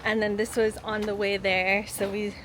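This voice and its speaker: A woman's voice: medium pitch, level tone, normal speed, noisy background. A woman vlogging outdoors while she walks, chatting in a giggly way to a handheld camera. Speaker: travel vlogger. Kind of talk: casual vlog chat. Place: outdoors in a park and streets. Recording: outdoor camera audio with a crowd behind.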